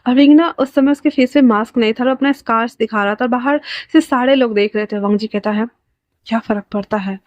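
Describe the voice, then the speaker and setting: A woman narrates a homemade love story, her voice sitting a little high. She reads every character's lines in her own voice and raises it when they cry out. The recording is close and dry, with no room sound. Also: fast talker, hardly any pauses, a little mellow, dry recording. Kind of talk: storytelling narration of fan fiction.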